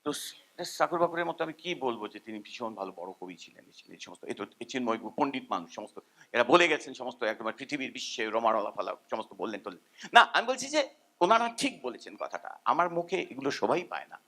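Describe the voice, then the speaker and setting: A man's voice: medium pitch, brisk. An older man, a musician, giving an informal, rambling seminar talk and humming melodies now and then. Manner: animated, rambling, self-deprecating, hums tunes.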